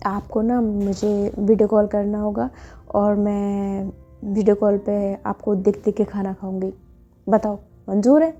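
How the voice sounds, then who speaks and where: Stubborn, lovesick young woman, a narrator's voice, coaxing and pleading, mellow and a touch high, on a dull lo-fi track with soft music. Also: level tone, measured pace, natural voice.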